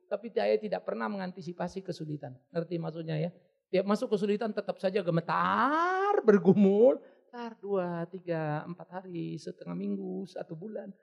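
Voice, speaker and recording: A man's voice: high voice, vocal fry, a little mellow. A male pastor giving a sermon in a blunt, joking, direct way.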